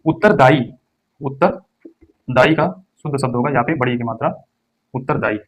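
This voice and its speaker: A young male teacher runs an exam-prep lesson at a middle pitch. He calls out each word with a sharp stress and then repeats it slowly to drill the correct form. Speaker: Hindi teacher.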